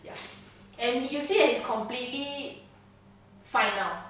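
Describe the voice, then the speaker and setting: A woman guides her players through a tabletop scene, casual and chatty. Her slightly high voice echoes strongly in a roomy space, heard from a distance. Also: a little slow, a bit bright. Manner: casual, chatty, frequent laughs and "okay?" checks. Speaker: game master. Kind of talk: narrating a tabletop game. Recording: roomy echo, distant mic.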